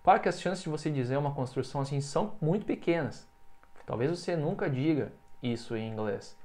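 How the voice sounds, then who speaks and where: A man teaching English in in an online lesson, explaining a rule and then saying example words slowly for the learner to repeat. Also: a little high, animated, darkish tone. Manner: checks in often with quick casual asides. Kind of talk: recorded online language lesson.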